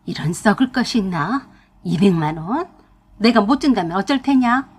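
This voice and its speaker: A woman voicing a bossy, scolding older mother-in-law who lectures her daughter-in-law in a low, husky voice. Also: expressive, normal speed. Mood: indignant. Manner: domineering, lecturing.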